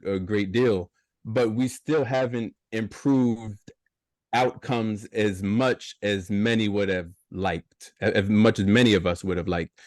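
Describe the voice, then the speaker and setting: Low-voiced man moderating a panel, hesitant. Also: darkish tone, no room sound, clean studio sound. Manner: hesitant, many restarts and "uh".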